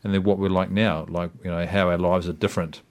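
A man's voice: deep voice, steady tone, fast. A man with a New Zealand accent giving a casual interview as a guest, rambling reflectively with plenty of hesitations and filler phrases. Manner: hesitant, rambling, reflective, with frequent "you know" and "I mean".

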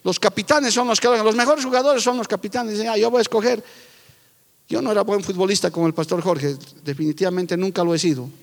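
A middle-aged man preaching fervently as a pastor, moving between loud proclamations and quiet, confiding asides. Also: sits high, quick pace, vocal fry. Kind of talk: sermon. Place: church sanctuary with long reverb. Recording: echoey church hall.

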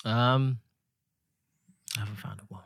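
A man's voice: fairly low pitch, steady tone, unhurried, creaky, fairly bright tone, dry recording. A man, a podcast guest chatting casually in a dry, evasive manner. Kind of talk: casual chat.

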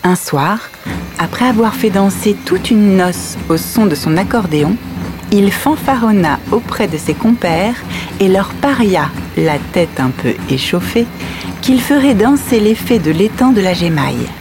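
Slow, tender storytelling mother played by a woman. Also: mid-range voice, animated, over music. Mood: tender, patient. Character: patient, tender mother telling her children a fairy tale. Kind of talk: audio story, bedtime storytelling.

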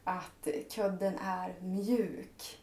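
A woman's voice: lowish voice, fairly even intonation, dark tone, echoey room. A woman talking as a podcast guest in a reflective, earnest way, her thoughts running on in long heartfelt sentences. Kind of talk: reflective personal conversation.

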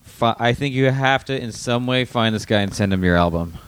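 A man tells his stories in a blunt, clipped present tense, dropping the odd swear word. His voice sits at a middle pitch, and it is recorded close and dry. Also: a little fast, clean tone, dry recording. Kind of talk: casual chat.

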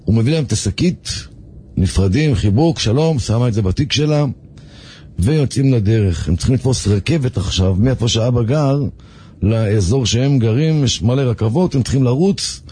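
A man telling a story on the radio in a lively, animated way, repeating words for effect. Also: mid-range voice, slightly rough.

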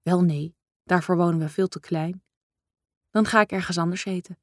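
A woman doing a gruff stubborn old father. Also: lowish voice, steady tone, normal speed, dry recording, clean studio sound, lightly acted. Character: older father, gruff and set in his ways.

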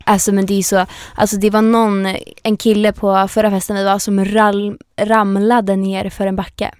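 A woman's voice: medium pitch, dry recording, studio quality. A young woman co-hosting a podcast, chatting casually and telling stories with lots of giggles. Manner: giggly, animated storytelling. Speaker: podcast co-host. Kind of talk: casual chat.

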